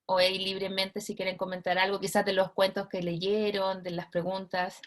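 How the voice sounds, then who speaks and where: A woman's voice: medium pitch, monotone, normal speed. Teacher woman moderating a call. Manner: friendly, thanking and inviting questions. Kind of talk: casual classroom moderation.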